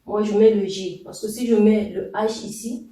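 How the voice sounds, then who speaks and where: A man teaching a language lesson, explaining slowly and deliberately with pauses and fillers. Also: high voice, steady tone, warm tone, far from the mic. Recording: echoey room, voice off-mic.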